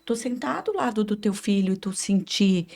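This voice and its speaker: A woman's voice: mid-range voice, lively intonation, moderate pace, vocal fry, darkish tone. A woman, a parent speaking reflectively on a panel. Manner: reflective, addresses the listener as "tu". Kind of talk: casual panel discussion.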